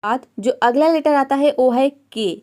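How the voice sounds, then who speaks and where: A woman's voice: high-pitched, a little slow, darkish tone. Patient woman teaching pronunciation. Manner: patient, explains each letter and asks rhetorical questions. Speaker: English teacher. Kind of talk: step-by-step pronunciation lesson.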